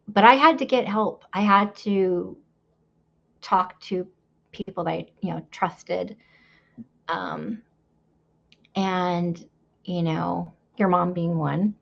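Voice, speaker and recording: A woman sharing her faith story in a candid, rambling way, full of fillers and laughter. Her voice has a gravelly edge and sits mid-range. The audio is slightly dull and lo-fi. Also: mid-range voice. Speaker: podcast guest. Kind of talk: faith testimony conversation.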